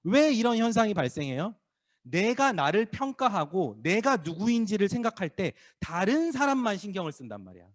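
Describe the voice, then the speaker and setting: Lively youth pastor, man. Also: sits high, normal speed. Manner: lively, acts out crowd voices, teasing students by name. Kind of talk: sermon to middle schoolers. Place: small church worship room.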